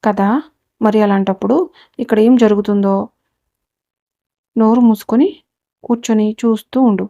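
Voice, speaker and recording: A woman's voice: medium pitch, fairly even intonation, normal speed, pauses often, no room sound, highs cut off, close to an everyday voice. A woman reading the lines of a domineering young man who speaks coldly and makes threats, in a Telugu audio story. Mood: menacing. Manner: cold, commanding and quietly threatening.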